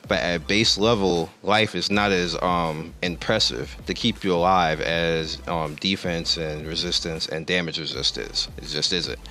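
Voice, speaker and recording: Deep-voiced man explaining game menus. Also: fairly even intonation, a little slow, hardly any pauses, pushed and bright. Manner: rambling, self-correcting, explains while clicking through menus. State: losing his voice. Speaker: gaming channel host. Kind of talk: casual gameplay commentary.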